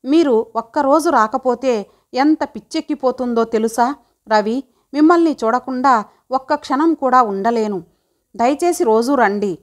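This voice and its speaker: Brief: a woman voicing a lovesick young heroine, earnest and sulky, fairly high voice. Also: normal speed, lightly acted. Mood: longing. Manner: pouting, earnest. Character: young woman in love, pouting and longing. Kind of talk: audiobook character reading.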